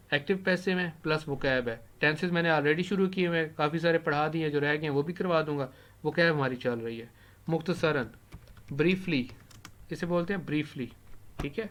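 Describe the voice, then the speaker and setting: An English vocabulary teacher whose first language is Urdu records a lesson, typing while he explains, so keyboard clicks are audible. His voice is on the high side and fairly bright, and he repeats key words slowly as he types them.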